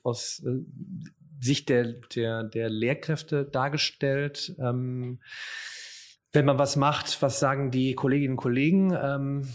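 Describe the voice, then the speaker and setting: A man's voice: medium pitch, steady tone, slow pace. A man hosting an interview, asking long questions with hesitations. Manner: hesitant, many fillers and restarts, softer. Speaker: interviewer, podcast host.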